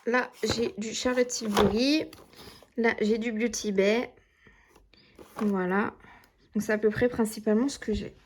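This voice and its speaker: A woman's voice: a little high, fairly even intonation, measured pace, pauses often, noisy background. A woman vlogging from home at her dressing table, showing her things in a chatty show-and-tell way with lots of fillers. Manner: chatty, many fillers and "voilà". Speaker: beauty vlogger. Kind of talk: casual show-and-tell vlog. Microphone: camera or phone filming close.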